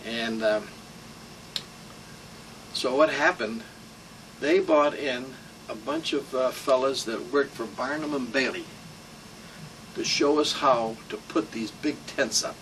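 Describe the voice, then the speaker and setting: A man's voice: mid-range voice, very animated, slow, long pauses, fairly bright tone. An elderly American man, a war veteran, remembering his service in a rambling, salty, informal interview. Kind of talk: informal oral-history reminiscence. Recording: distant mic with room hum.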